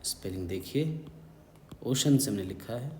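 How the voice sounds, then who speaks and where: A man with an Indian accent teaching an exam-prep vocabulary lesson, slowly spelling out words and repeating them. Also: medium pitch, expressive. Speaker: English teacher. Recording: echoey room with faint hum.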